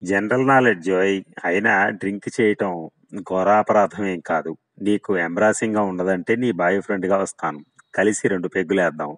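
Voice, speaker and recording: A man's voice: low voice, normal speed, lightly acted, poor audio. A man voicing a boastful, flippant young man who talks with swagger. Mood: boasting. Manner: swaggering, teasing.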